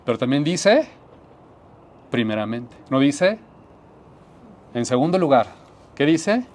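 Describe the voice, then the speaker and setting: A man, a pastor giving an earnest sermon testimony, often repeating phrases and dropping to soft tones for emphasis. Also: mid-range voice, big pitch swings, slow.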